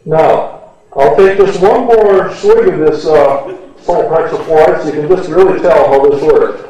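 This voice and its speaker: A man demonstrating chemistry, talking with a voice made deep and unnatural by the heavy gas he just inhaled, in a slow, chuckling, explanatory manner. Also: dark tone, recorded from a distance. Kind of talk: lecture demonstration. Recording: echoey room recorded from afar.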